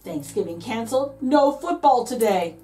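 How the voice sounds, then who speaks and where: A storyteller hosting a read-aloud performs a children's picture book with playful, theatrical emphasis, stretching key words for drama. Her warm, fairly high voice swings widely in pitch with lively intonation at a normal speed. She sounds a little away from the microphone, as if recorded from a distance.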